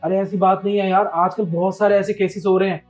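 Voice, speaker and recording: A man plays an angry husband confronting his cheating wife in a home drama. His voice sits high and his lines come out indignant and accusing. Faint music plays behind him. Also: little pitch movement, quick pace, a little mellow, lightly acted. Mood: suspicious. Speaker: actor in a short film. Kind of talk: melodramatic short-film acting.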